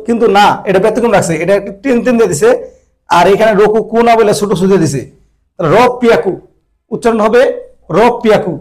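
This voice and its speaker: A man's voice: high voice, darkish tone. A man teaching a language lesson, speaking patiently and repeating each term, often checking that students follow. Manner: patient, repeats terms and checks "ঠিক আছে?".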